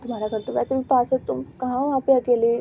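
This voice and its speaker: A woman's voice: on the high side, fairly even intonation, fast talker, vocal fry, husky, dull audio. A woman voicing a fussy, caring mother. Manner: warm but scolding, motherly.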